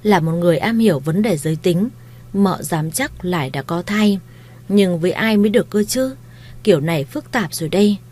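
A woman narrating a romance story in a steady, even reading voice. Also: fairly low pitch, moderate pace.

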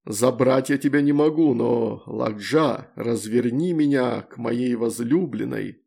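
A man reading an audiobook, voicing a proud, drunk male demon lord who drawls and turns loud and accusing. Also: mid-range voice, creaky, breathy edge. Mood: furious. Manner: slow, loud, accusing and pleading.

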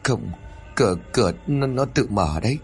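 A man voicing a stern, uneasy middle-aged husband who gruffly reassures his wife in a spoken horror story. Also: mid-range voice, animated, normal speed, soft background music.

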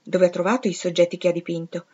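A woman voicing a brusque, commanding middle-aged gentleman who fires off curt, imperious questions. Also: on the low side, steady tone, fast, breathy edge. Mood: probing. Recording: slightly dull lo-fi recording.

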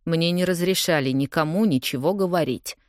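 A woman reading an audiobook, voicing a guilty young man who defends himself in a low, earnest voice. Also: moderate pace, darkish tone, no room sound, studio quality, close to an everyday voice. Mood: defensive, pleading.

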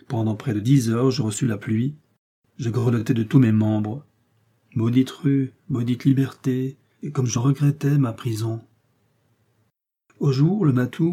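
A man reading a short story aloud as narrator, in a measured storytelling manner. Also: mid-range voice, warm tone, breathy edge. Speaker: audiobook reader. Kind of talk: scripted narration.

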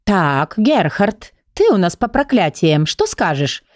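A woman's voice: fairly low pitch, big pitch swings, slow pace, no echo, studio quality. A woman voicing a composed, businesslike lady book in an audiobook. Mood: brisk. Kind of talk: audiobook character voice.

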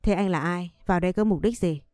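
A woman's voice: fairly low pitch, quick pace, mellow, no room sound, studio quality, soft background music, natural voice. A woman voicing a polite, shy nineteen-year-old maid in a storybook reading. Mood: indignant. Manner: polite, deferential.

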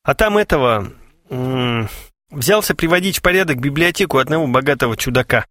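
A man's voice: medium pitch, expressive, fairly quick, fairly bright tone, dry recording, studio quality, close to an everyday voice. A man voicing a cheerful, ironic young man who teases his friends, with a wry, mocking delivery. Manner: wry, teasing. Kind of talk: audiobook character voice.

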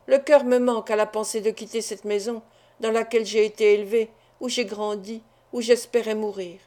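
A woman's voice: a little high, steady tone, moderate pace, darkish tone, natural voice. A woman reading the lines of an anguished, honourable middle-aged father in an audiobook, grave and resolute. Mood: grave insistence.

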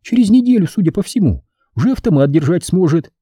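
A male narrator raises his pitch to play a languid young woman. She drawls lazily through her remarks. The voice stays dark and husky. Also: sing-song, fast talker, dry recording, clean studio sound, exaggerated voice.

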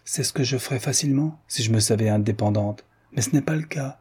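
A cool, reserved young aristocratic wife in a period story, voiced by a man reading aloud. She keeps her answers short and clipped. The voice stays dark and breathy. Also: mid-range voice, quick pace. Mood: earnest.

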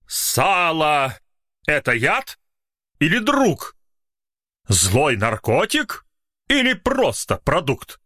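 A man's voice: on the high side, huge pitch swings, sharp tone, no room sound, clean studio sound, pitched above the performer's own voice, full character voice. Man doing a pompous village poet. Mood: declaiming. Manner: slow, declamatory, mock-solemn.

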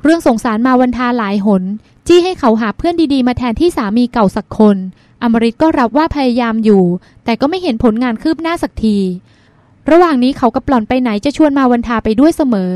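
A woman narrates a novel as an audiobook, reading steadily and expressively. Her voice sits high. The recording is close and dry. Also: a little fast, a little mellow, no echo. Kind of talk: scripted narration.

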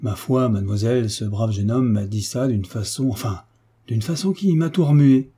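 A man's voice: mid-range voice, normal speed, warm tone, husky. A man voicing a fussy, talkative middle-aged male landlord who speaks emphatically, in a folksy way, for an audiobook. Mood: chatty.

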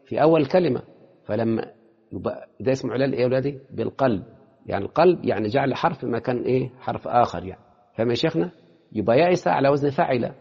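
Egyptian guy teaching grammar fast, keeps quizzing the class, muffled sound in a big echoey hall. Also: mid-range voice, expressive, vocal fry, breathy edge. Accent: Egyptian Arabic. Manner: quizzes students with quick rhetorical questions. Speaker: teacher of Arabic morphology. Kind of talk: classroom lecture. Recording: lo-fi with long hall reverb.

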